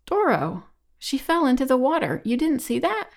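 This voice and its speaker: A woman reading a tense young woman who snaps out sharp, alarmed lines. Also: mid-range voice, huge pitch swings, a little slow, heavily acted.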